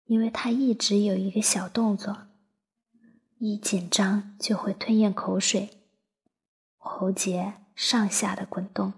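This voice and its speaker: Woman narrator, emotional first-person story; husky, gravelly tone, unhurried reading over soft music. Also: medium pitch, little pitch movement. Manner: soft, breathy, half-whispered delivery.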